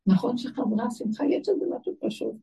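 A woman's voice: fairly high pitch, animated, gravelly, warm tone, breathy edge, recorded from a distance, rough recording. A woman giving a religious talk to a live audience. She asks her listeners questions and chants lists of single words. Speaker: spiritual teacher.

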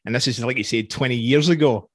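A man's voice: medium pitch, quick pace, no echo, studio quality. A middle-aged man with a Scottish accent, hosting a casual interview. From Scotland. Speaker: interview host.

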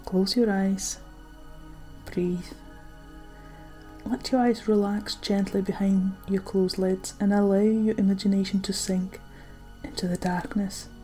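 A woman with a warm, mellow, medium-pitched voice narrates like a sleep story guide. Her scripted meditation delivery is gentle and unhurried, with phrases trailing softly into breath. Faint music plays behind her. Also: fairly even intonation, low-quality recording.

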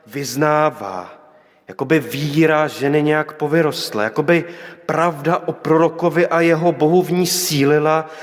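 A man preaching a sermon, reflective, with pointed rhetorical questions and quoted voices. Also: a little high. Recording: long hall reverb.

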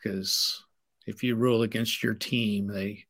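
A man's voice: lowish voice, fairly even intonation, a little slow, a bit bright, breathy edge. Laid-back man in his sixties. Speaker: co-host. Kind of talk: casual chat.

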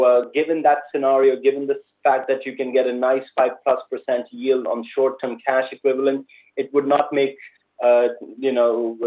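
A man gives unscripted expert commentary as a guest, analytical and point by point, with halting pauses. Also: mid-range voice. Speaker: investment strategist, podcast guest. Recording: narrow phone-like line.

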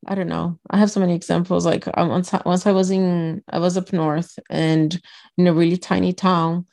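Lower-voiced woman from Brazil, storytelling. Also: moderate pace, creaky. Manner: animated storytelling, acts out quoted people. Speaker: podcast co-host. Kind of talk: casual chat.

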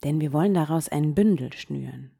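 A woman with a low, mellow, breathy voice leads a guided meditation. She talks very slowly and softly and often drops into a near whisper. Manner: slow, soft-spoken, gently guiding, drops into whispers. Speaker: meditation podcast host.

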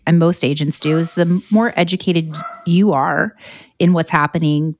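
A woman co-hosting a casual podcast, speaking in a friendly, earnest way. Her voice sits a little low for a woman. The sound is dry and closely miked. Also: no room sound. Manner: friendly, earnest, quick to agree. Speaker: podcast co-host.

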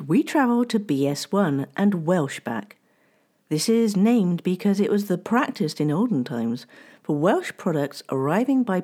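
A woman presenting a radio history show, reading a scripted narration in a measured way that slows down on dramatic lines. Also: fairly low pitch, mellow.

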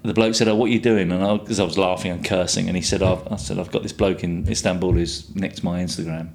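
Low-voiced Englishman in his fifties. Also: fairly even intonation, fast talker, gravelly, a little mellow. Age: 50s. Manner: rambling storyteller, swears freely. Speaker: guest artist. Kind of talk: casual chat.

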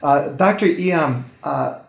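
A man's voice: fairly high pitch, slow, vocal fry, roomy sound. A man from the United States hosting a show, asking friendly, inquisitive interview questions. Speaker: radio host.

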